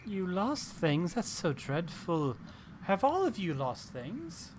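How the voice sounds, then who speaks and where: A man's voice: sits high, huge pitch swings, slow, pitched above the performer's own voice, heavily acted. A man voicing an erratic old female frog hag who jumps between topics with sugary politeness. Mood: sympathetic. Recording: noisy stream audio.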